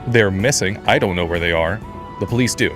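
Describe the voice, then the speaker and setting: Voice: deep voice, fairly quick, a bit bright, soft background music. A speaker answering a street interviewer in an earnest, serious way.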